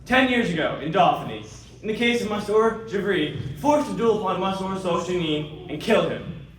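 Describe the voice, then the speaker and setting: An earnest young lawyer presses his case in a fairly high voice. The sound is very echoey and distant, as in an old radio play. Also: lively intonation, moderate pace. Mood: insistent. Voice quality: earnest, insistent. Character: young man, an impassioned lawyer demanding justice. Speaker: actor. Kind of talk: radio drama acting. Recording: echoey, distant, faint noise.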